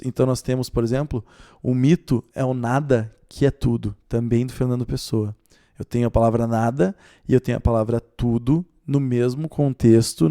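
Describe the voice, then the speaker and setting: Gravelly-voiced man teaching. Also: medium pitch. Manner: lively and explanatory, with rhetorical questions and stressed key words. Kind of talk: exam-prep video lesson.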